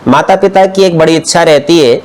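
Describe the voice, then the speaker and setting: A man's voice: a little high, darkish tone. A man giving a scripture study lesson, explaining terms one at a time with everyday examples. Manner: explains slowly, term by term, with examples. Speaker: religious teacher. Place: outdoor courtyard class.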